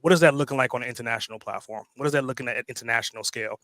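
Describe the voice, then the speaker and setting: A man's voice: mid-range voice, very fast, fairly bright tone, dry recording. A man from Trinidad and Tobago, a podcast guest speaking in a casual interview, often repeating words as he starts a sentence.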